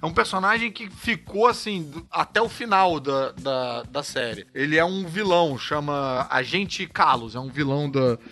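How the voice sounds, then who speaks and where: A man, an actor and voice actor, chatting casually and telling animated stories with quick asides. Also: fairly high pitch. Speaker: actor and voice actor guest. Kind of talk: casual conversation.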